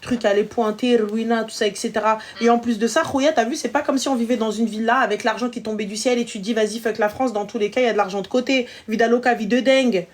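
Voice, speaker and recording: A woman's voice: a little high, steady tone, fast, few pauses. A young adult woman hosting a live stream, chatting casually with callers in a teasing, slangy, joking way.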